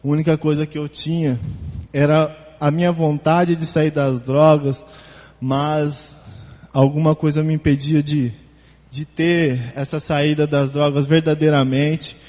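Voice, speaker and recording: Brazilian guy testifying at church, kinda mellow higher voice, stumbles and repeats himself, long hall echo. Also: level tone. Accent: Brazilian Portuguese. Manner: emotional, halting, repeats words. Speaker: church member giving testimony.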